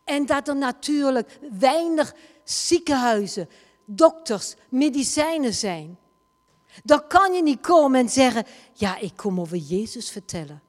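A woman's voice: high-pitched, sing-song, a little slow. A woman preaching and retelling a story dramatically, her volume rising and falling sharply. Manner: dramatic retelling, wide swings in loudness. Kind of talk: sermon storytelling. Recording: long hall reverb.

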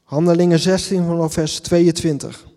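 A man's voice: a little high, fairly even intonation, normal speed, dark tone, long reverb tail. A man preaching a sermon and reading scripture, earnest, with emphatic repetitions and rhetorical questions.

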